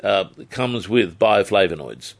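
An Australian man giving health advice on a live phone-in, measured and formally worded. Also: lowish voice, animated. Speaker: health advice expert on radio.

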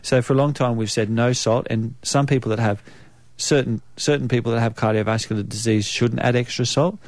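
New Zealand man explaining calmly. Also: mid-range voice, no room sound. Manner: measured, explanatory, many um fillers. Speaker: naturopath guest. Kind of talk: conversational expert interview.

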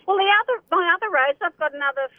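A woman's voice: very high voice, lively intonation, quick pace, no room sound. An Australian woman calling in by phone, chatting casually. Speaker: caller. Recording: thin narrowband telephone line.

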